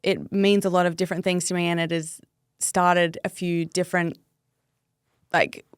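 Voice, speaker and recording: A woman's voice: fairly low pitch, level tone, moderate pace, clear, resonant tone, dry recording, clean studio sound. An Australian woman in her thirties from Melbourne, chatting openly as a podcast guest and saying 'like' a lot. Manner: chatty, open, uses 'like' often. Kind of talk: casual interview chat.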